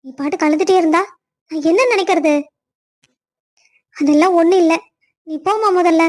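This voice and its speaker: A woman with a high, clear voice plays the women of a family cartoon story. She moves from a wife on the phone to a mother and a neighbour without much change in her voice. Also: normal speed, a little mellow.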